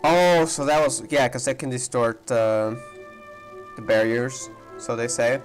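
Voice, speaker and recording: A gaming video creator with a mid-range, fairly even voice offers unhurried, casual commentary on a playthrough. He thinks aloud and speculates as he reacts, with game music playing in the background.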